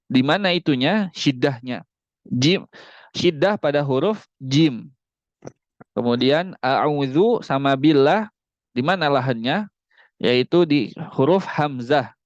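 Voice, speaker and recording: Slow-talking man teaching Quran recitation. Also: medium pitch, no echo, highs cut off. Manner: explains slowly, then models each word in drawn-out recitation. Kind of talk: online Quran recitation lesson. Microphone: close mic on a video call.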